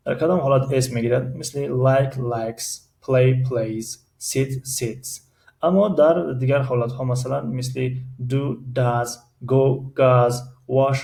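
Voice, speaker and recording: A man with a Tajik accent teaching an English grammar lesson, slowing down to read each English example sentence carefully and pausing often with hesitation sounds. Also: medium pitch, creaky, a little mellow.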